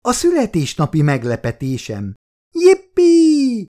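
A woman's voice: medium pitch, wildly swooping pitch, a little mellow, voice pushed up. A man reading an audiobook, voicing an eager, chatty little girl in a bouncy, exclamatory way. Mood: excited.

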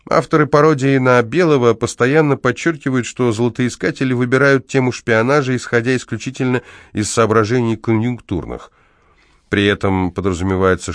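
A man narrating an audiobook in a measured, even reading. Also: lowish voice, no room sound, clean studio sound. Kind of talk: scripted narration.

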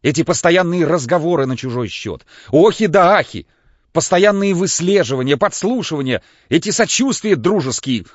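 Guy voicing a frantic young man losing it, voice shooting way up, dry flat audio. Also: normal speed, no room sound. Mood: shouting hysterically. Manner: shouting, voice cracking high. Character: hysterical young man, indignant, near breakdown. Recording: dull, dry lo-fi recording.

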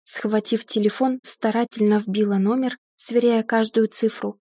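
A woman reading a novel aloud in the first person, telling it in a measured, wry way. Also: fairly high pitch, fairly even intonation, dark tone, breathy edge, no echo, studio quality. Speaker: audiobook narrator.

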